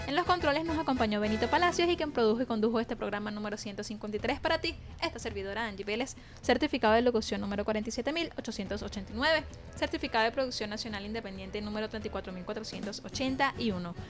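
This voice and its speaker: A Venezuelan woman hosting a radio show, signing off with brisk on-air patter. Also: fairly high pitch, faint music behind. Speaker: radio host.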